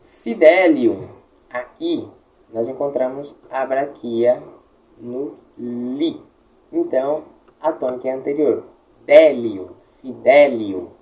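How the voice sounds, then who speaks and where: Slow, dark-voiced teacher. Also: male voice, mid-range voice, steady tone, rough recording. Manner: patient, explains slowly, checks with "tá?" and models words. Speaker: Latin teacher. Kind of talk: pronunciation lesson.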